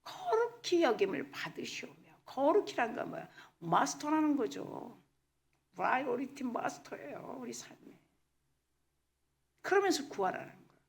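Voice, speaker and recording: A woman pastor delivers an emphatic church sermon in a high, gravelly voice. Her pitch swings widely as she stresses points. At times she sinks into a near whisper. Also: sing-song, a little slow. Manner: emphatic preaching, mixing English words, often drops to a whisper. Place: church sanctuary.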